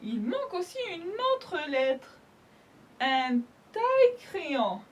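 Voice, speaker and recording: A woman's voice: sits high, sing-song, slow, dull audio. A woman teaching young children a French spelling lesson, speaking patiently, sounding out each letter and praising the class often. She speaks French with an Algerian accent. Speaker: primary school French teacher.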